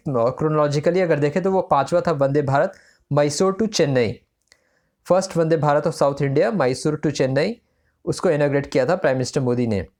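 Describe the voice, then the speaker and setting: An exam-prep tutor runs through current affairs. The tutor poses a quiz question, then answers it. The tutor switches freely between Hindi and mid-sentence, at a pitch of middling height. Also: darkish tone.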